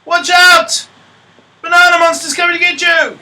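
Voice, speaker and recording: A man voicing an excited young female pony who shouts warnings in a high, urgent voice. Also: rapid-fire, far from the mic, full character voice. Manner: urgent high-pitched calling out.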